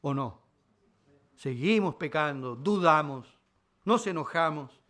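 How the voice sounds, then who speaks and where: A man with a Chilean Spanish accent preaching a sermon as pastor, swinging between loud declarations and quiet asides. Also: a little high, lively intonation, takes it slowly.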